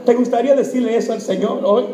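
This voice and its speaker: A man with a high, mellow voice preaches a testimony to a congregation, stressing his points and putting questions to them. The sound is roomy and echoey. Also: fairly even intonation, fast. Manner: emphatic, asks the congregation questions. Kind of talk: sermon testimony.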